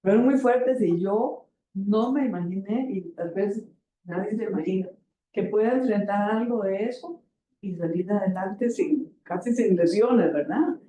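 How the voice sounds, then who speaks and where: An older woman giving a halting personal testimony as a panel guest, pausing often with fillers and repeated words, in a university auditorium. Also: medium pitch, warm tone. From Costa Rica. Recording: echoey auditorium.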